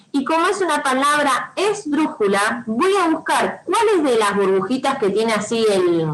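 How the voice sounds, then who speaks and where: Patient Rioplatense teacher on a video call. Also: female voice, fairly high pitch, a bit bright, a little hiss or hum, rough recording. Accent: Rioplatense Spanish. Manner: patient, repeats instructions, checks with frequent "¿sí?". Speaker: primary school teacher. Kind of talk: online class instruction.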